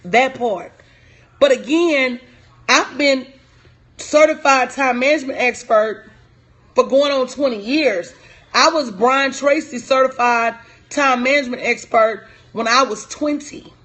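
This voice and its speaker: A woman's voice: sits high, a little slow, fairly bright tone. A woman in her forties, a business coach, talking casually and emphatically on a live stream while answering viewers' comments. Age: 40s. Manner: emphatic, repetitive, casual and direct.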